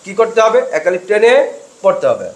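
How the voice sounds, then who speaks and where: In a reverberant space, a man with a high, very animated voice gives a step-by-step Quran reading and spelling lesson. He speaks slowly, asking questions and then answering them himself.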